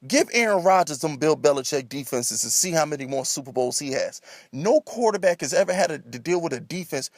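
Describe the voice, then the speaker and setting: A man with a high-pitched voice goes off on a freestyle sports rant, recorded close and dry. He is emphatic and comically exasperated, building up his points with repetition, rhetorical questions and plenty of cursing. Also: no room sound. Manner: ranting, escalating, comedic exasperation; heavy swearing. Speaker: sports commentator.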